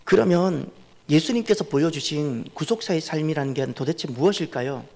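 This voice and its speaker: A man's voice: on the high side, animated, moderate pace, gravelly, a little mellow. A male pastor preaching a sermon, pressing points with emphatic repetition and asking the congregation questions. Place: church sanctuary. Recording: long church reverb.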